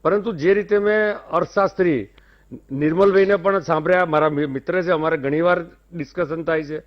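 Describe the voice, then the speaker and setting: Male debate panelist, Gujarati accent, formal and polite, slightly raised pitch, dull lo-fi remote line. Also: fairly quick. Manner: formal, courteous, praising. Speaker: debate guest, industry-side panelist. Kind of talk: measured debate commentary.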